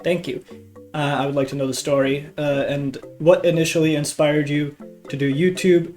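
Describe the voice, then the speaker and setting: There's a slightly mellow quality to this higher-pitched male voice, belonging to a YouTube host from Norway who has a slight cold. He chats casually and hesitantly with viewers, putting himself down, while guitar music plays behind him.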